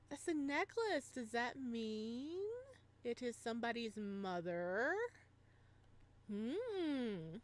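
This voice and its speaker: Fairly high in pitch with a fairly bright tone, this woman hosts a livestream where she casually chats with viewers and reads a visual novel aloud. She's bubbly and giggly, rambling as she reacts to chat and story.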